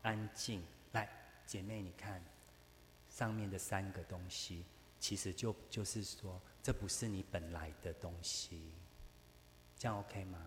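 Brief: male Bible teacher, lively and jokey, always checking with the class, recorded in a reverberant hall with a faint hum. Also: lowish voice. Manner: animated, joking, keeps asking the class rhetorical questions. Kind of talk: church teaching to women.

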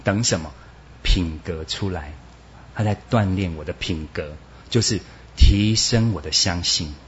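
A man preaching a sermon, animated and acting out quoted voices, with Hokkien words mixed in. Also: low voice, a little slow, a little hiss or hum. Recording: dull lo-fi recording.

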